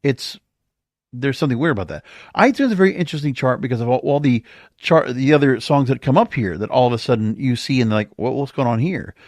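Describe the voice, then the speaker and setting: A podcast host talks fast in a medium-pitched, darkish voice, recorded cleanly in a studio with no room sound. He riffs casually on music chart stats, thinking aloud while reading them out.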